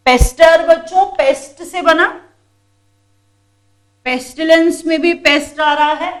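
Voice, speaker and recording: A woman teacher runs an exam-prep vocabulary lesson. She drills each word over and over in a patient, repetitive way and calls her students children. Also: high-pitched.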